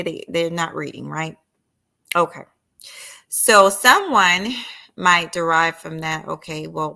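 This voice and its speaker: Gravelly middle-aged woman hosting a stream. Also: on the low side, pushed and bright. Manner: talks straight to viewers, reads comments aloud, opinionated. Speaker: livestream host. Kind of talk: casual late-night livestream chat.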